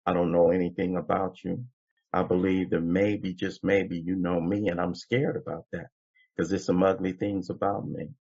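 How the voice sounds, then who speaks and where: A man's voice: deep voice, creaky, a little mellow, breathy edge. A man in his seventies giving an impassioned, preacher-like testimony at a recovery meeting, repeating phrases for emphasis. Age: 70s. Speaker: guest speaker at a recovery meeting. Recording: dull lo-fi recording.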